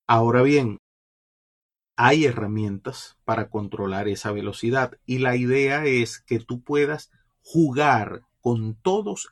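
A man hosting a public speaking podcast, teaching straight to the listener and swinging his loudness and pace to demonstrate. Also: mid-range voice. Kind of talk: instructional podcast talk.

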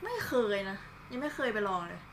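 A woman's voice: fairly high pitch, big pitch swings, brisk, creaky, fairly bright tone, slight background noise. A woman chatting casually on a podcast with friends, blunt and slangy, telling stories about herself. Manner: blunt and slangy, acts out her own muttering.

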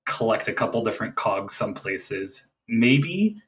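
A man's voice: fairly low pitch, sing-song, measured pace. A man in casual podcast chat about a tabletop game, explaining his character's story at length.

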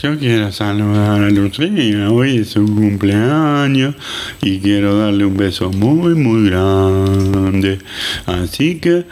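A man voicing a slow, dim-witted friend character in a comic skit, with a plodding, halting manner. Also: on the low side, lively intonation, darkish tone, pitched below the performer's own voice. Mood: cheerful.

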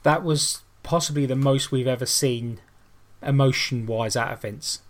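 A man's voice: mid-range voice, a little slow. A man hosting a podcast, talking casually as he reviews and recaps. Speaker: podcast host.

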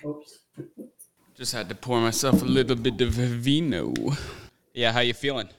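A man's voice: medium pitch, moderate pace, noisy background. A young man co-hosting a podcast in casual chat, joking around, with a nagging cough. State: has a cough. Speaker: podcast co-host.

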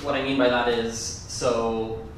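Slow and level in tone, with a medium pitch, a first-language Gujarati speaker chats his way through a conference talk, rambling and correcting himself as he goes. Slight background noise accompanies him, recorded by a far-off mic in an echoey, large conference room.

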